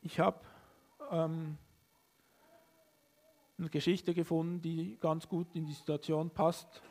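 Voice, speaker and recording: Guy giving a sermon, kinda high voice, pretty flat and even, some ums here and there. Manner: calm, plain preaching with small pauses and fillers. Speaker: pastor. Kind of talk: sermon with a told story.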